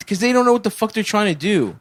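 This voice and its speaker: Combative, foul-mouthed man with a higher voice. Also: big pitch swings, fast talker, a little hiss or hum. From United States. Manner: profane, combative, heckling. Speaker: podcast co-host. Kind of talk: casual chat.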